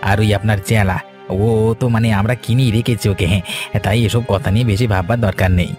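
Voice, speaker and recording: A greedy, fawning accomplice in a cartoon, played by a man, rattling along quickly in an eager way. His voice is lowish, with faint music beneath. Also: steady tone, a little mellow, natural voice. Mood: reassuring. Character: greedy excitable male accomplice, crooked buyer. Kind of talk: animated cartoon voice acting.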